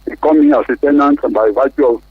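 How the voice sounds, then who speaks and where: Phoning in to a radio show, a Nigerian-accented man shares his opinion earnestly in slightly formal language. He talks fast in a medium-pitched, slightly rough voice with no room sound, over a muffled, narrow, tinny phone line.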